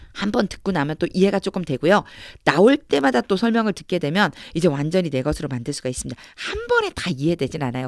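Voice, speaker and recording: A woman English teacher giving a Bible reading lesson. She reads the verses slowly in short chunks and explains them in a patient, plain tone. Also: on the low side, dry recording, studio quality.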